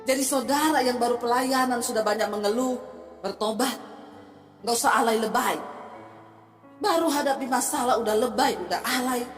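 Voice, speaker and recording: A middle-aged woman pastor, preaching in an animated, folksy way with rhetorical questions. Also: on the high side, moderate pace, pauses often. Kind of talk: sermon. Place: church hall. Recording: echoey hall from far off with music.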